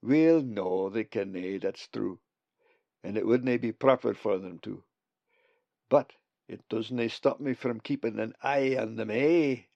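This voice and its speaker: A man voicing a warm old male raven with a Scottish accent and a broad, cheerful brogue. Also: fairly low pitch, a little slow, creaky, no room sound. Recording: dull dry lo-fi recording.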